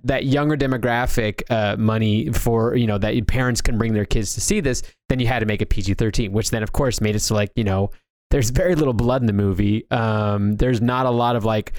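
Discussing films and games casually on a podcast, a co-host wanders through his points, hesitating and often starting sentences over. He has a medium pitch, fairly even intonation, and a slightly mellow tone, captured close and dry without room sound.

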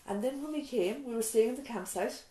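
A middle-aged Irish woman, a nurse and mother, answers interview questions reflectively in a small room at an island nurse's surgery, telling her story warmly with frequent restarts, asides and "you know". Her voice is a little high and brisk, and the rough recording sounds roomy.

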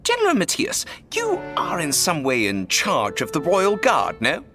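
A man's voice: high voice, huge pitch swings, unhurried, pushed and bright, full character voice. A man voicing a pompous, sly schemer with a flowery, theatrical way of talking in an audio drama. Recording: studio audio drama with music.

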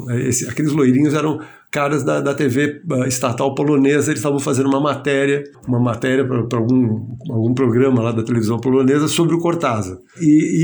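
A man's voice: mid-range voice, gravelly, a little mellow. An older man with a Brazilian Portuguese accent, telling a memory in casual storytelling with many restarts and fillers.

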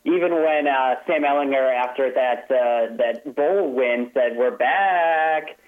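A man phones in to a radio show as a guest analyst, chatty and relaxed, often doubling back on his words. The line is thin and phone-like, cutting off the low and high end. His pitch sits in an ordinary middle range for a man. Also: measured pace. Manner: chatty, restarts phrases, light laughs. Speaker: sports writer guest. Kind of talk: casual call-in analysis. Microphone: telephone.

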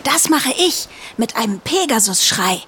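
A woman voicing a calm, knowing female pegasus in a children's audio play. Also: fairly high pitch, unhurried, slightly rough, heavily acted.

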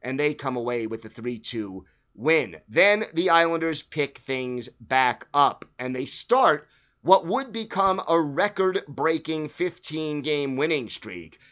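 A man with a slightly high voice hosts a sports history show, walking through old games in a relaxed, conversational way. He reels off scores and stats and often stops on fillers. The recording sounds dull and lo-fi. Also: slow. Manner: conversational, stat-listing, with frequent fillers. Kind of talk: casual narrated game recap.

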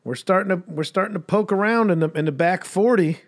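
A man's voice: sits high, brisk. A man co-hosting a podcast in casual chat, sarcastic and profane, full of joking banter. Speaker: podcast co-host.

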